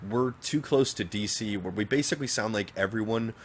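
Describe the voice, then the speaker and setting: A Northern Virginia man with a general American accent co-hosts a casual podcast, cracking crude jokes and swearing with animation alongside his co-host. His lowish voice is brisk, with a little hiss or hum in the recording.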